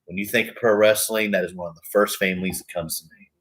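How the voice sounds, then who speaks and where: A man's voice: lowish voice, fairly even intonation, fast talker, fairly bright tone. A man from Indianapolis hosting a casual watch-along stream, chatty and opinionated, swearing freely. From Indianapolis, USA. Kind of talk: casual live-stream chat.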